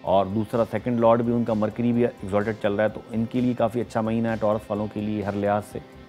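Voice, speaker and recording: A middle-aged man with a Pakistani Urdu accent, an astrologer reading horoscopes on a studio talk show, explaining things in a measured way with frequent hesitations. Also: lowish voice, little pitch movement, dark tone, highs cut off, faint music behind.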